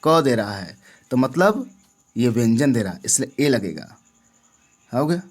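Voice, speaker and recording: This is a classroom-style grammar lesson from a man whose mid-range voice is very animated yet unhurried. He keeps putting questions to the viewer to confirm they're following the English material.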